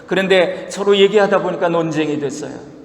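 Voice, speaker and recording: A man preaching a sermon, retelling a story in a lively, chatty way. His voice sits fairly high for a man. A long reverb from a large hall surrounds every word. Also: a little fast. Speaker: pastor.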